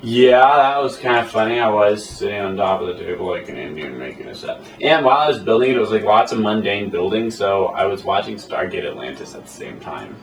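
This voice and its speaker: A man's voice: on the low side, animated, brisk, hardly any pauses. A man who works as an animator, chatting casually in an interview and telling rambling, self-amused stories. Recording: echoey room, mic at a distance, faint hiss.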